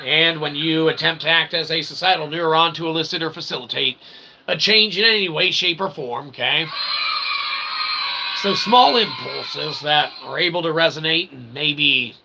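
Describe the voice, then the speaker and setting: A man with a slightly high, gravelly voice speaks at normal speed against a noisy background. As a channel host, he delivers a tongue-in-cheek, rambling philosophical monologue in wordy, convoluted phrasing, checking in often.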